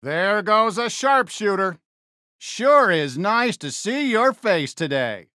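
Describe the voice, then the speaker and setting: Friendly toy cowboy sheriff for a game: American, folksy drawl, unhurried, swooping lively pitch, good-natured. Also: male voice, dry recording, clean studio sound, exaggerated voice. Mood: warm, cheerful. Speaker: video game character greeting players. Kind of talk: animated game voice lines.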